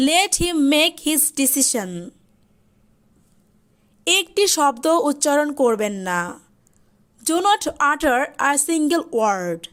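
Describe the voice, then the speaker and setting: A woman teaching spoken English, reading short phrases in Bangla and saying each English phrase twice, slowly and deliberately. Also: high voice, a bit bright. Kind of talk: slow English phrase drill with Bangla translations.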